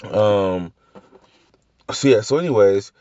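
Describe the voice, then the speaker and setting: A man speaks slowly in a low, expressive, warm voice while hosting a solo TV-review show. He drifts off on tangents with restarts and an occasional swear, coughing slightly after the flu; the sound is lo-fi and echo-free.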